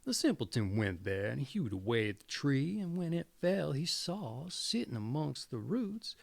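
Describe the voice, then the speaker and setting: Reading fairy tales as a storyteller, this man is dramatic and folksy and sometimes corrects himself. His voice is a little high with vocal fry and a darkish tone, with no room sound.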